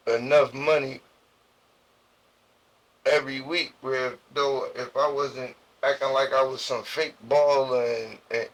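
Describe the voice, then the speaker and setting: Young Jersey City man, street slang, halting delivery, interview guest. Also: mid-range voice, fairly bright tone, poor audio. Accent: New Jersey. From Jersey City, USA. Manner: slangy, halting with many restarts and fillers. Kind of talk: casual storytelling interview.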